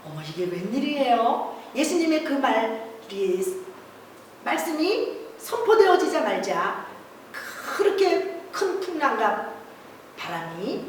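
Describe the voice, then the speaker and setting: Woman doing a kids sermon in church, high bouncy voice, really echoey room, faint hiss. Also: recorded from a distance. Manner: animated, acts out disciples' cries in a raised voice. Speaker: children's ministry preacher. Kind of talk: children's sermon storytelling.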